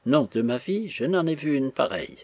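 A man's voice: medium pitch, animated, normal speed, darkish tone, no room sound. A man voicing a gushing, emotional young female maid who talks in a breathless torrent. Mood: chattering. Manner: breathless torrent of words, sobbing with joy.

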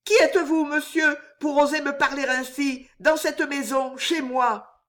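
A woman's voice: high-pitched, expressive, unhurried, voice pushed up. A woman voicing a desperate, proud young noblewoman in a storybook reading, pleading and indignant. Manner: pleading, then fiercely indignant. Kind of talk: audiobook character reading.

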